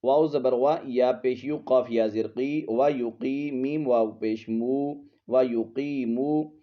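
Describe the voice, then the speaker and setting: With a steady tone and slow pace, a mid-range male voice leads a letter-by-letter Quran recitation lesson, patiently sounding out every letter and vowel and then blending the word. The audio is lo-fi and slightly dull.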